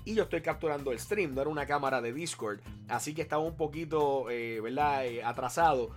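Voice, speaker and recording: A man co-hosting a casual gaming chat, loud and teasing, full of jokes. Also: mid-range voice, fairly quick, soft background music. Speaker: podcast co-host.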